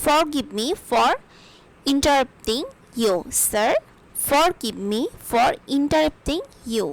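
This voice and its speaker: A woman teaching spoken English, reading each sentence aloud slowly and carefully, twice over. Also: high voice, vocal fry, poor audio.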